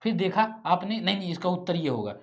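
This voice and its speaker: A man's voice: high-pitched, sing-song, brisk. A male teacher running a live online exam-prep lesson, quizzing viewers and cracking teasing jokes between questions.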